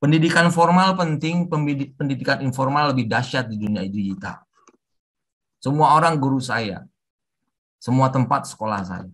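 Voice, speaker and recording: A middle-aged man giving a webinar lecture with forceful, emphatic intonation, mixing in English terms. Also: medium pitch, normal speed. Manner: mixes English terms into talk. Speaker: civil service trainer. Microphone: online webinar audio.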